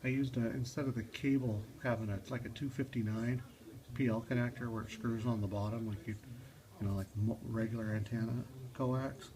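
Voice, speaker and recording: In a mellow, steady, mid-range voice, a male vlogger explains a DIY car job with no script, pausing and wandering off track as he works things out.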